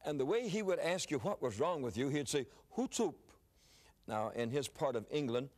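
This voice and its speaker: A man's voice: mid-range voice, fairly quick, darkish tone. An older man preaching, telling a story in a sermon, often repeating words as he starts a phrase.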